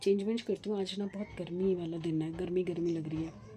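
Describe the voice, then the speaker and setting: A middle-aged woman chatting casually in a home vlog, talking slowly and with effort because of a painful tooth. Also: fairly low pitch, fairly even intonation. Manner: chatty, rambling about household matters. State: speaking slowly from tooth pain. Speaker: vlogger. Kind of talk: casual daily vlog chat.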